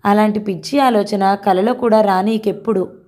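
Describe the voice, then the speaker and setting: A woman voicing an earnest young man who gently pleads and reassures his bride, in a mellow voice. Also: mid-range voice, fairly even intonation, moderate pace, natural voice. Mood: tender.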